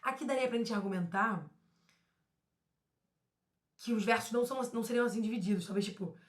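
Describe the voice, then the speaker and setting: A woman teaching a lesson on poetic meter, often repeating words and restarting, and reading verses aloud slowly. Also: on the high side. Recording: echoey room.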